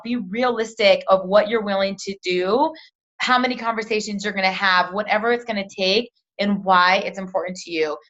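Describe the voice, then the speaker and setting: A woman's voice: mid-range voice, muffled recording. Peppy woman leading a team call. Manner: energetic, pep-talk delivery with repeated "right?" and "you guys". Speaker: team leader on a conference call.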